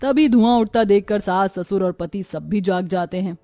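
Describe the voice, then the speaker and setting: A woman reading a scripted family story in a lively, dramatic narrating voice. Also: medium pitch, normal speed, no room sound, faint music behind.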